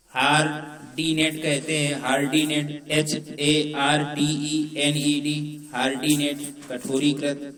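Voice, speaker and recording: A man teaches vocabulary in a coaching class, spelling each word out one letter at a time. His voice sits a little high but stays flat and unhurried. The mic is set back, so the sound is distant and echoey. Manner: slow, deliberate dictation. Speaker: English teacher. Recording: roomy echo from far off mic.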